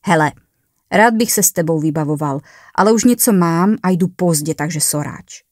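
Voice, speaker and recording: A woman's voice: lowish voice, a little mellow, dry recording, clean studio sound, natural voice. A woman voicing a grumpy young male coworker in a hurry to leave, who speaks in a curt, dismissive way.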